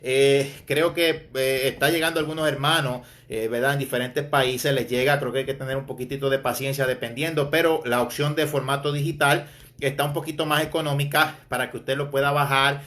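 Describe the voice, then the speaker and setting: A man's voice: medium pitch, fairly even intonation, brisk, fairly bright tone. A man preaching informally online, mocking his critics and chuckling as he addresses listeners as brother. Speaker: preacher and Bible teacher.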